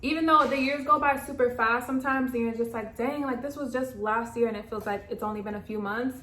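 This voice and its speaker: A woman's voice: on the high side, fairly quick, sharp tone. Chatty young woman, echoey room. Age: 20s. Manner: chatty, lots of "like" fillers. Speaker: makeup vlogger. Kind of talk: casual chat. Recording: echoey room with faint noise.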